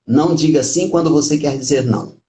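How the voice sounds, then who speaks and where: A man's voice: a little high, a little fast, mellow. A man, a pastor and couples therapist, chatting casually and telling stories that he acts out with laughs. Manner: storytelling, laughs often, acts out quotes. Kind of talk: casual chat on a live stream. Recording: roomy echo.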